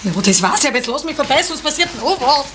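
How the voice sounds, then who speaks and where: An actress playing a scolding, bossy village innkeeper in a 1970s radio drama. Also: female voice, high voice, animated. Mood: scornful. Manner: scolding, bossy, quick to shout. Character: sharp-tongued village innkeeper woman. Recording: echoey, hissy 1970s radio play.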